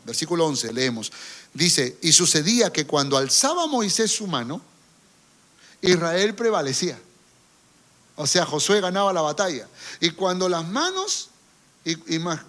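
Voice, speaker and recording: Bright high-pitched man preaching. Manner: asks the congregation rhetorical questions; tells personal stories from his ministry. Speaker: pastor. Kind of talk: sermon.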